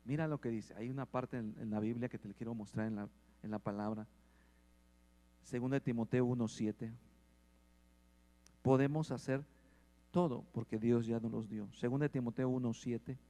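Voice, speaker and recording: A man preaching a sermon, asking the congregation questions and growing louder at points. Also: mid-range voice, fairly even intonation, normal speed, long pauses. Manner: asks the congregation questions and swells in volume. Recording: long hall reverb.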